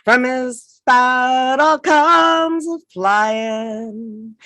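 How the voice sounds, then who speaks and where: High-voiced woman singing a slow sea shanty. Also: a bit bright, dry recording. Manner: sings unaccompanied, drawing out long notes. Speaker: folk singer.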